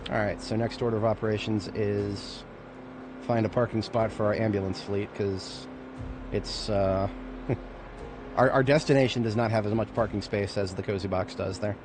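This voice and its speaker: A man's voice: lowish voice, fairly even intonation, moderate pace, music in the background. A man giving casual, rambling commentary on a game as a streamer, with playful, self-mocking remarks. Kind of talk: casual let's-play commentary.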